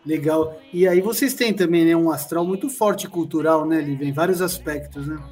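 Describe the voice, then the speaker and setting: High-voiced male interviewer, encouraging. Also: normal speed, a little mellow. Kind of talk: interview questions.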